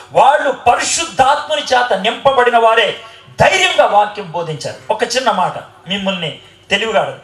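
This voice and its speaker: A man preaching a sermon to a live audience, quizzing the listeners and joking with them as he teaches. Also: high-pitched. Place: hall with an audience. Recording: roomy echoing hall.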